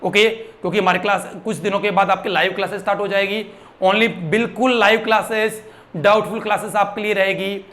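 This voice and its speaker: A teacher leads a grammar lesson in a high, light voice. He asks his students questions again and again and repeats their answers back as a drill. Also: little pitch movement, fairly quick, fairly bright tone.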